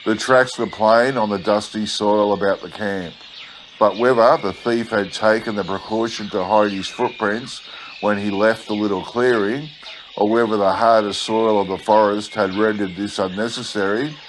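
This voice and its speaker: A man reading a bush adventure story aloud in a laconic, unhurried drawl. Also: on the low side, low-quality recording. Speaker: audiobook reader. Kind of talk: scripted narration of an old bush adventure story. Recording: clear steady background noise.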